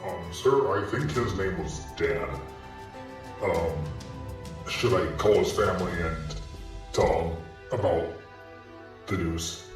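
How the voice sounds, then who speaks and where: A man talking through a voice changer that makes him sound like a deep echoing robot, playing a weary henchman reporting to his boss. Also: takes it slowly, long pauses, far from the mic, over music.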